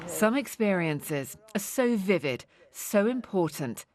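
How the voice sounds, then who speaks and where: A woman reporting as a royal correspondent, reading a scripted news report in a composed, measured way. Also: medium pitch, expressive, darkish tone.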